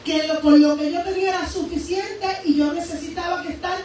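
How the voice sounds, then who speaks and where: High-voiced woman preaching in echoey church. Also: steady tone, fairly quick. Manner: fervent, emphatic preaching that swings between raised and hushed. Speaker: preacher giving a testimony. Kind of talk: sermon testimony. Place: church sanctuary. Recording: very echoey church hall, voice from far off, faint noise.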